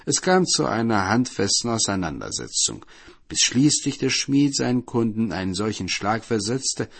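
A man narrating a folk tale on a radio program in an even, explanatory reading. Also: on the low side, gravelly, husky. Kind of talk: scripted radio storytelling.

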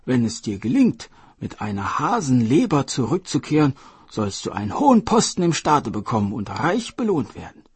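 A man's voice: mid-range voice, wildly swooping pitch, normal speed, husky, no echo, pitched above the performer's own voice, heavily acted. A man voicing a sick, desperate old dragon king who pleads and commands his court. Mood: commanding.

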